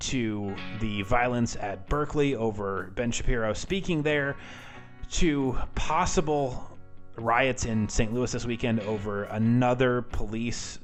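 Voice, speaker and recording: A male podcast host talks in a casual, chatty style at a medium pitch. His manner is informal and wry, with a self-deprecating streak. The audio has an amateur, homemade podcast feel.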